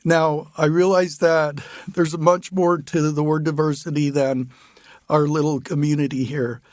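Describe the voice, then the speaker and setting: A man's voice: a little high, flat delivery, unhurried, dry recording. An older man hosting a podcast interview, talking in an easygoing, good-humored way and often restarting his phrases. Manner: warm-humored, laughs easily, restarts phrases. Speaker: podcast host and writer. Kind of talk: relaxed conversational interview.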